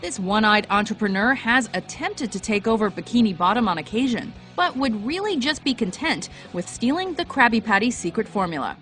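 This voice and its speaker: Lively woman narrating a countdown. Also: fairly high pitch, a little fast, hardly any pauses, soft background music.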